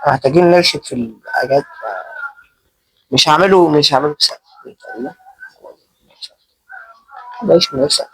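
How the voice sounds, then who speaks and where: A young Egyptian-accented man hosts a gaming channel, chatting casually through a Minecraft let's play while mocking himself and yelping in panic when attacked. His voice sits on the high side, expressive and fairly bright with a breathy edge, moving a little fast but with long pauses. The audio is poor, with faint music behind him.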